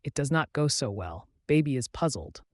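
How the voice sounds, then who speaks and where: A man's voice: medium pitch, very animated, moderate pace, no room sound, clean studio sound. A man voicing a brash, teasing male army officer with a mocking, boisterous manner in an audiobook reading.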